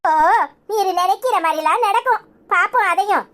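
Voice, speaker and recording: A woman playing a sharp-tongued older village sister, scolding and mocking in a Kanyakumari Tamil accent. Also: extremely high pitch, normal speed. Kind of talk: village comedy serial acting.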